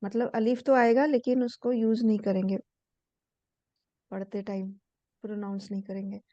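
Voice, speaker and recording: A woman's voice: mid-range voice, flat delivery, moderate pace, dark tone, no echo. A woman teaches Arabic grammar, explaining patiently and asking herself questions before answering them. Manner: patient, asks and answers her own questions, many fillers. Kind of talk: explaining a lesson, reading English lines slowly. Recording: dull, lo-fi voice recording.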